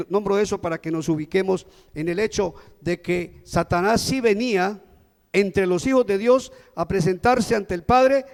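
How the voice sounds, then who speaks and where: A man preaching a Sunday sermon in a church, with a high, gravelly voice. He keeps asking the congregation questions and answering them himself. The sound carries a long hall reverb. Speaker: pastor.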